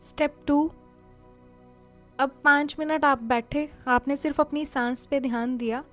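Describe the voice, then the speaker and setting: High-voiced woman giving a motivational talk. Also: a little slow, soft background music. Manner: conversational, asks the listener rhetorical questions; gives calm step-by-step guidance. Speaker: motivational speaker.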